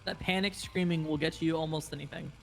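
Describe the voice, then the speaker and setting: A woman in casual game roleplay as a police officer, loud and excitable, swearing and shouting when angry. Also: low-pitched, fairly quick, vocal fry, faint music behind.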